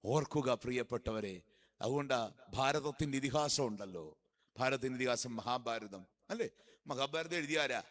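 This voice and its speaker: A man preaching a sermon in church during a feast. He keeps firing questions at the congregation and answering them himself, and he swings from soft murmurs to loud exhortation. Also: mid-range voice, animated, normal speed.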